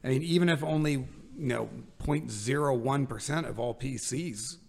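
Rambling gravelly American podcast host. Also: male voice, medium pitch, a little mellow. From United States. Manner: rambling, self-mocking, quick to laugh. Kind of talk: casual chat.

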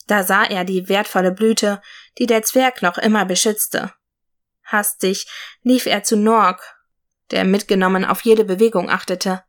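Female storyteller, steady read-aloud fairy tale narration, mid-pitched voice. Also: measured pace.

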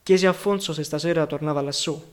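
A male narrator reading a novel aloud in a calm, measured way. His voice sits fairly high for a man, and he keeps his delivery quiet and steady. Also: smooth.

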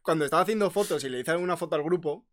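A man's voice: fairly high pitch, very fast. A young man, telling a story animatedly in casual podcast chat and laughing often. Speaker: podcast co-host.

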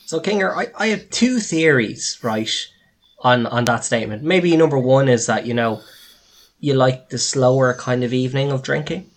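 A man's voice: mid-range voice, normal speed. Conversational Irish man on a podcast. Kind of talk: casual group chat.

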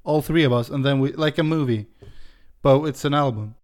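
A man's voice: mid-range voice, brisk, darkish tone. A man chatting casually as a podcast co-host. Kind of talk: casual chat.

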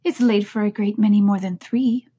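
A woman voicing a proper, indignant young girl with a prim, sharp way of speaking. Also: medium pitch, steady tone, moderate pace, slightly rough.

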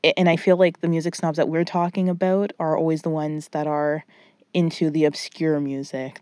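A woman talking casually on a solo podcast in an informal, halting, rambling way, muffled in a closet with hardly any reverb. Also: sits low, warm tone. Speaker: podcast host and music producer. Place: recorded in a small clothes closet indoors. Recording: muffled, dry closet sound. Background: nothing, little reverb.

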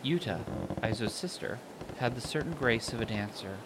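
A man with a medium-pitched, animated voice narrates a scripted fantasy audio story at normal speed. He is both narrator and author. The clean recording carries ambient sound design and sound effects behind him.

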